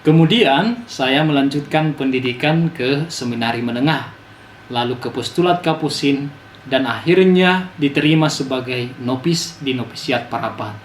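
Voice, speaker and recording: Young friar, heartfelt testimony, roomy echo with a faint hiss. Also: male voice, mid-range voice. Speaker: Capuchin friar. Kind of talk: personal vocation testimony.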